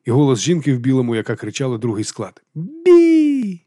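A man narrating a novel as an audiobook in a steady, even manner. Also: medium pitch, racing, breathy edge, no echo, clean studio sound.

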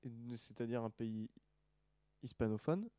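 A man with a dark, smooth voice chats casually as a podcast co-host. He talks hesitantly, with many fillers and restarts. The sound is dry and close. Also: medium pitch, animated, a little slow, dry recording. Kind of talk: casual chat. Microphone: desk microphone.

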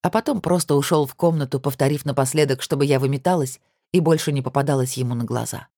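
A woman's voice: a bass voice, quick pace, mellow, no room sound, studio quality. A woman narrating a first-person audiobook in an intense, dramatic way.

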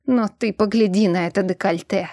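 A woman's voice: medium pitch, steady tone, normal speed, darkish tone, no echo, studio quality, close to an everyday voice. A woman voicing a brash, lecherous male werewolf who boasts and teases in a storybook reading. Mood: boastful. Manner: boisterous, teasing and boastful.

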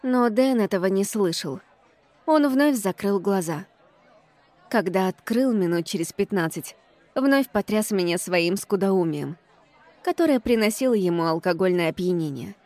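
A woman's voice: medium pitch, animated, moderate pace, darkish tone, no echo, a faint crowd. A woman reading a first-person audiobook with an ironic, exasperated tone. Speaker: audiobook reader.

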